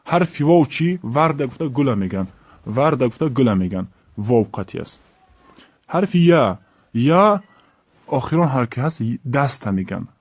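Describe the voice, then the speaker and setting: A man's voice: mid-range voice, very animated, no echo. Tajik-accented guy teaching arabic letters, repeats everything, dead dry room. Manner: slow, repeats each word, stresses letter names. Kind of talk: alphabet lesson.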